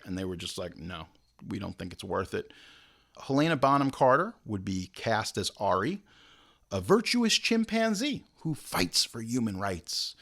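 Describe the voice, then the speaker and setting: A man hosting a film show, recounting movie backstories in a loose, conversational way. His voice sits in a middle register and swings widely in pitch as he tells the story. He breaks into playful asides and jokes along the way. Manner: animated storyteller, jokey asides. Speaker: show host. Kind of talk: casual film history commentary.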